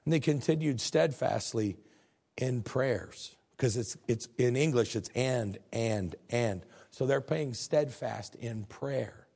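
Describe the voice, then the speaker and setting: A middle-aged pastor preaching a folksy, animated sermon, repeating phrases and talking directly to his congregation. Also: medium pitch, slow pace, vocal fry, husky.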